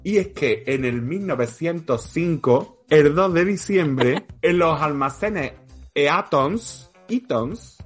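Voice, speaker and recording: A man co-hosts a casual podcast, speaking slowly in a husky, higher-than-average voice with lively intonation, faint music in the background. He tells trivia stories playfully, joking and laughing often.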